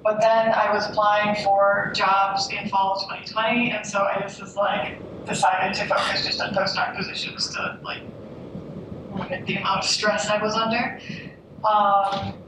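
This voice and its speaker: A woman's voice: mid-range voice, level tone, moderate pace. Woman, postdoc panelist, casual advice, lots of fillers, echoey room, distant noisy mic. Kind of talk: panel talk giving career advice.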